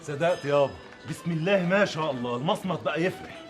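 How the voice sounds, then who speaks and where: A man's voice: on the high side, fast talker, over music, lightly acted. A man acting a grown Egyptian son arguing with his father in a TV drama, agitated and pleading. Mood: respectful.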